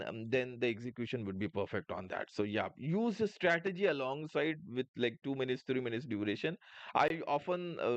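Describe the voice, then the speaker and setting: A man's voice: medium pitch, no echo, lo-fi sound. A man hosting a live trading stream, explaining market moves and answering chat questions with frequent filler sounds.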